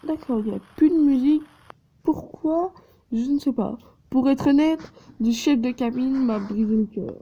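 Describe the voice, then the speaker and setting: A woman reading the dialogue of a dating game aloud, slowly and haltingly, correcting herself as she goes and adding her own asides. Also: high voice, warm tone, husky.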